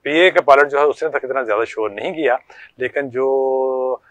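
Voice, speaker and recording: This older man, a former air traffic controller with a Pakistani accent, is an interview guest recounting stories from his working life. He talks conversationally, quoting dialogue, with a medium-pitched voice at a moderate pace on a dry recording.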